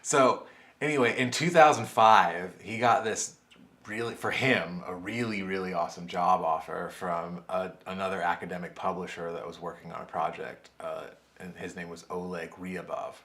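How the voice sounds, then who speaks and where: A man's voice: sits low, fairly even intonation, moderate pace, a bit bright. A man co-hosting a podcast, telling a story in a rambling, casual way and often trailing off. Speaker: podcast co-host.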